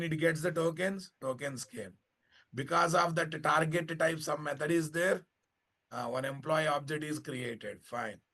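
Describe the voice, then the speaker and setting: A male programming instructor with a Telugu Indian accent and a fairly high-pitched voice lectures a class live. He is blunt and given to scolding, repeating his phrases and throwing out rhetorical questions. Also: a bit bright.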